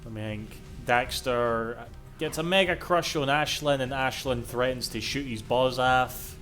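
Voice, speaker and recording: A man's voice: mid-range voice, measured pace, a bit bright, faint music behind. A man giving casual, chatty live commentary as a game streamer, swearing freely.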